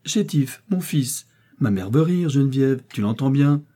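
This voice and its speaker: A man's voice: medium pitch, lively intonation, a little slow, mellow, voice pushed up. A man reading the part of a young miller who speaks firmly to his mother in defense of his wife. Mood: amused. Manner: firm, resolute. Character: young miller, firm and loyal husband.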